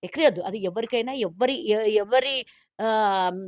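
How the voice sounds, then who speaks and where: A woman's voice: on the high side, moderate pace, no room sound, clean studio sound. A woman with a Telangana accent, a corporation chairperson speaking as a guest in a political interview in an indignant, pointed and sarcastic way. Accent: Telangana Telugu.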